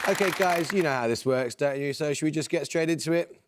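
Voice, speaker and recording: A man hosting a quiz show, reading questions in a crisp, measured, authoritative way. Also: on the high side, over a noisy crowd, very noisy.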